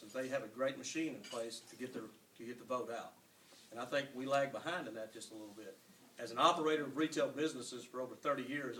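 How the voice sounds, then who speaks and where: A man's voice: medium pitch, fairly bright tone, far from the mic. Earnest man in an echoey hall. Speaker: political candidate. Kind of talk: campaign forum speech. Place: large room at a public forum. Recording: echoey hall, picked up from afar, faint noise.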